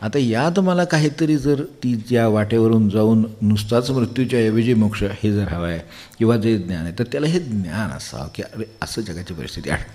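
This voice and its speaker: Older man giving an unhurried spiritual talk. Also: on the low side, expressive, warm tone. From Maharashtra, India. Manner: conversational, digressive, chuckles while explaining. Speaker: spiritual discourse speaker. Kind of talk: devotional discourse.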